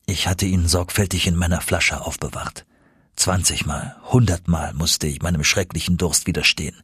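A man's voice: low-pitched, fairly even intonation, moderate pace, a bit bright, husky, dry recording, clean studio sound, voice pushed down, full character voice. A man voicing a stern, obsessive old professor on an expedition, commanding and stubborn, in an audiobook reading. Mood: tender. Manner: stubborn, commanding, tender at times.

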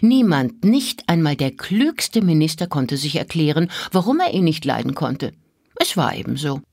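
A woman reading a children's story aloud with an expressive, melodic storybook delivery. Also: low-pitched, moderate pace, husky, no room sound, studio quality.

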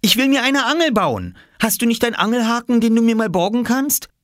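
Storybook audiobook: a man playing an eager little boy, high and breathless. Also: sing-song, a little fast, fairly bright tone, no echo, clean studio sound, heavily acted. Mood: eager shouting.

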